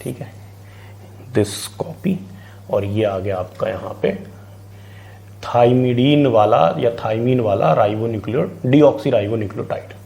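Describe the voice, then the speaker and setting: Male biology tutor from India, mid-pitched, conversational question-and-answer lecture style. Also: takes it slowly, gravelly, long pauses, dark tone. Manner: chatty, keeps asking and answering his own questions, mixes in English terms. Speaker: biology teacher. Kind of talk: online exam-prep lecture.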